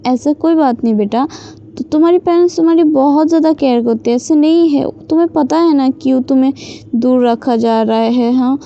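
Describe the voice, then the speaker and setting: A woman's voice: high voice, brisk, dark tone, muffled recording. A woman doing a fussing kindly uncle assistant. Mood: reassuring. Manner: soothing, fussing reassurance. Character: kindly older male family assistant, protective uncle figure.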